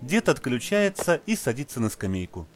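A man's voice: mid-range voice, big pitch swings, moderate pace. A man reading scripted audio description of on-screen film action as a narrator.

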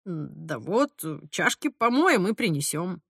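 A woman narrator plays a bookish young man, pitched lower and quieter than the rest. He talks dry and unhurried, with a close, dry sound. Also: big pitch swings, husky, no room sound, exaggerated voice. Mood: calm.

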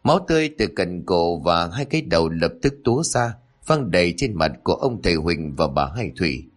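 Deep husky male horror storyteller. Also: big pitch swings, fairly quick. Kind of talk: scripted horror story narration.

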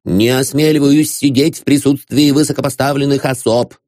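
Humble sly priest, slow and groveling, done by a male narrator. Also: mid-range voice, fairly even intonation, darkish tone, no echo, studio quality, close to an everyday voice. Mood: fawning. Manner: slow, fawning, pleading. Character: humble scheming middle-aged male priest.

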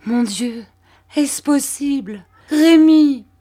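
A woman reading the part of a warm, emotional elderly peasant foster mother in an audiobook, with exclamations and soft affection. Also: lowish voice, animated, measured pace. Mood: tearful joy.

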